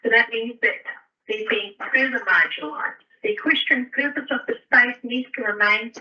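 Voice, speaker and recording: A woman, heard over a phone on speakerphone, reading a prepared statement in an earnest, steady way with small hesitations. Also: a little high, moderate pace, far from the mic, muffled recording. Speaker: member of the public making a submission. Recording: speakerphone heard from across a meeting room.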